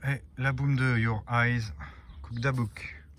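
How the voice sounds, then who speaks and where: A man's voice: medium pitch, fairly even intonation, slow pace, fairly bright tone, a little hiss or hum. A man casually presenting his flea-market finds to the camera, hesitant with many fillers as he lists items one by one. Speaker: video host. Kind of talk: casual haul vlog.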